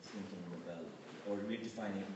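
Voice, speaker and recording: A man from a Nordic country speaking as a panelist, halting and searching for his words. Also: deep voice, steady tone. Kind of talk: panel discussion remarks. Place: conference hall. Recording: echoey hall, distant mic, background noise.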